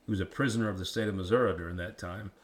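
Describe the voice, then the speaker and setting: A lower-pitched man with a rural drawl hosts a history chat. He is folksy and quick to poke fun at himself, talking casually as he asks questions. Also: steady tone. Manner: folksy, self-deprecating. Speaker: interviewer and host. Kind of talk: casual local history interview.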